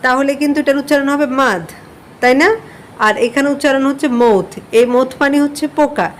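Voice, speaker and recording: Woman, high voice, Bangladeshi English teacher, patient word-by-word explanations, faint hiss behind. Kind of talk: online class lesson.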